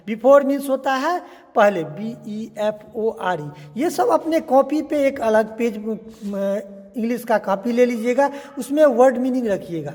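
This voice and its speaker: Patient male teacher, echoey room. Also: very high-pitched. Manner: patient, repeats questions and answers slowly. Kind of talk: revision lesson for young children. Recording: echoey room with long reverb.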